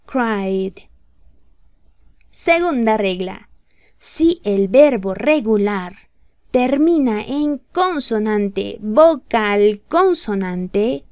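A woman explains grammar rules to beginners at a slow, deliberate pace. Her voice sits somewhat high, and she keeps stopping to ask quick questions that check understanding. The sound is close and dry, with almost no room echo. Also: darkish tone. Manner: patient, step-by-step, checking questions. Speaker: English teacher.

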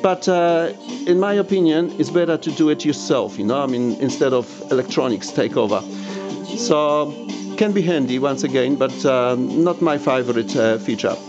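With music playing in the background, a man presents audio gear at home by a tape deck, speaking English as a second language in a casual, halting way. His medium-pitched voice moves at a moderate pace, and the home recording sounds dull and lo-fi.

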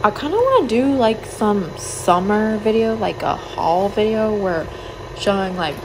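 A woman's voice: mid-range voice, big pitch swings, a little slow. A young woman vlogging casually while she cooks at home, rambling with lots of "like" and "um". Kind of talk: casual chat while cooking. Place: home kitchen. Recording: noisy home recording.

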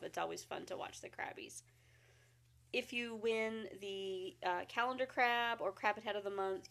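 A woman hosting a casual live-stream chat, chatty and rambling with fillers, a bit congested and sniffly. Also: medium pitch. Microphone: phone.

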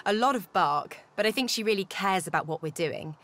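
A woman's voice: medium pitch, animated, a little fast, fairly bright tone, lightly acted. A woman playing a wry, easygoing musician companion in a video game, talking in a casual, reflective way. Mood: wry, fond. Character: wry, easygoing female musician haunted by inner spirits.

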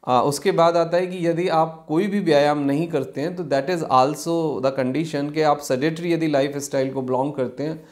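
A man in his forties speaks as a physician, recorded at desk distance in a small clinic office. His voice sits a little high for a man. He explains things in an unhurried way, with frequent filler sounds and English medical words. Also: fairly even intonation. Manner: explanatory, unhurried, many fillers, mixes English terms into Hindi. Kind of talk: health education talk to camera.

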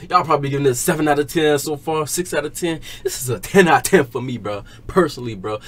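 This young adult man hosts a music reaction video, reacting to an album with casual excitement in slangy, exclamatory, repetitive talk. His voice is a little high and fast. He's in a small home room lined with acoustic foam panels, with music playing behind him.

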